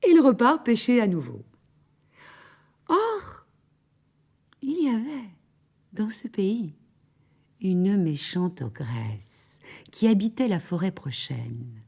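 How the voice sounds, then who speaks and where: A woman narrating a children's story aloud in an expressive, dramatic way. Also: mid-range voice, slow pace, creaky, long pauses, breathy edge.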